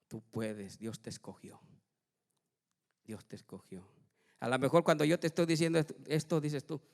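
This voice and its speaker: A male pastor giving a sermon in Latin American Spanish, swinging from hushed to loud and acting out quoted voices. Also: medium pitch, long reverb tail. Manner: acts out his own and God's words in quoted speech. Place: church.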